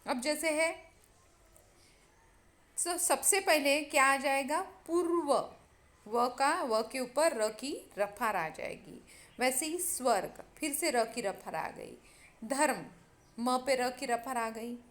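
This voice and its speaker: A woman's voice: high voice, fairly bright tone. A woman teacher giving a grammar lesson, spelling words out syllable by syllable and addressing her students directly. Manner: slow, spells out syllables one by one.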